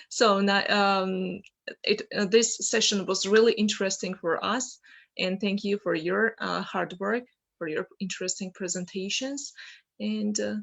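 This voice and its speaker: Gravelly-voiced woman teacher from Georgia. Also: medium pitch, fairly bright tone. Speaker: English teacher. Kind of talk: online meeting remarks.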